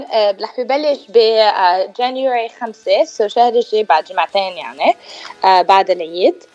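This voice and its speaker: A chatty woman with a Lebanese accent and a fairly high voice, talking casually as a radio guest and mixing in English phrases. The sound is dull and lo-fi, with faint music underneath. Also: a little mellow. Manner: chatty, mixes in English words. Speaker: actress, interview guest. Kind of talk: casual radio interview chat.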